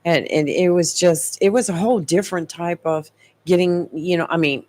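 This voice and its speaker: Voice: medium pitch, a little mellow. Chatty radio co-host sharing a memory. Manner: chatty, quick back-channel replies. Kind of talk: casual radio chat. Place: radio studio.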